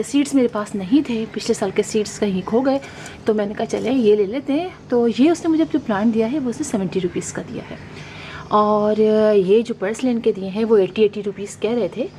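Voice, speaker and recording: A woman's voice: fairly high pitch, mellow, poor audio. A middle-aged woman, chatting casually and rambling with many fillers as she shows her new plants. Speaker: gardening vlogger. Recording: faint background noise.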